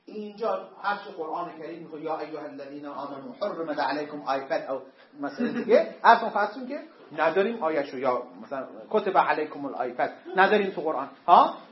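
Animated man lecturing a seminary class. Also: a little high. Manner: animated, emphatic, joking asides to students. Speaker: seminary teacher. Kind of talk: classroom lecture on Islamic jurisprudence. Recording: dull lo-fi classroom recording.

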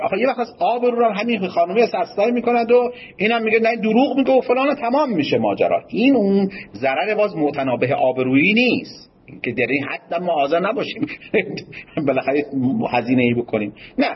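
Give me a husky man giving a seminary lecture. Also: high-pitched, highs cut off. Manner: discursive, tells stories and laughs, polite formal phrases. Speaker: cleric teaching Islamic jurisprudence.

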